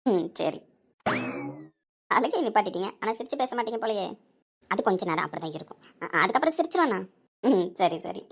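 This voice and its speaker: A woman voicing a quiet, guilt-ridden young wife who speaks in a low, sorrowful way. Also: animated, a little fast, pauses often, husky.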